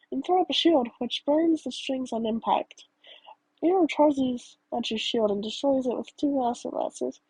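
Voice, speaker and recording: A woman reading a second-person fan story aloud in a high, husky voice. Her delivery is casual, with small stumbles and self-corrections along the way. The tone is mellow and the recording is close and dry. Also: no room sound, rough recording. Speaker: story narrator.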